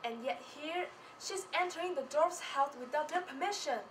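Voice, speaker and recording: A teenage girl delivers a scripted student presentation on a small indoor stage, her performance theatrical and rehearsed. Her high, fairly bright voice moves at a moderate pace, captured by a far-off camera mic in a noisy room.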